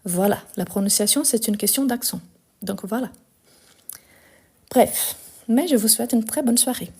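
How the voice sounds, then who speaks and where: Woman French teacher with a Lyon accent, live-stream grammar lesson, mellow and warm, deliberate and explanatory. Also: on the high side, husky. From France and Brazil. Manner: explanatory, repeats forms slowly, gets indignant answering critics.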